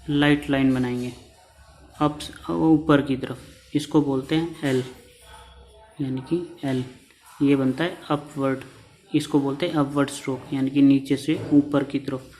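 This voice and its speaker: A man's voice: fairly high pitch, darkish tone, slight background noise, poor audio. A man teaching a shorthand class who explains step by step and repeats each key term. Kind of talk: classroom lesson.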